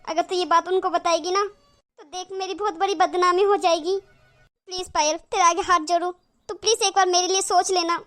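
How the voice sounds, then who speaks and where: Cartoon role: gentle, sad elder daughter-in-law, very high and soft, imploring. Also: female voice, steady tone, normal speed. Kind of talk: cartoon voice acting.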